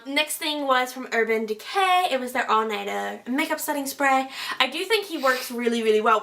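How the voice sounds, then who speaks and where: A woman's voice: a little high, gravelly, bright, forceful tone, a little hiss or hum. A young woman chatting casually as she reviews makeup on her own channel, rambling and joking, calling each product he or him. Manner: chatty, rambling, jokey asides. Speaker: beauty vlogger.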